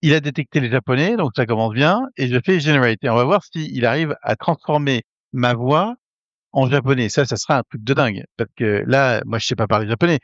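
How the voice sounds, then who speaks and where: Man, tutorial host, hesitant, filler-heavy, excitable, dry close sound, slightly dull lo-fi recording. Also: medium pitch, fairly quick, no echo. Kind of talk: casual screen-recorded tutorial.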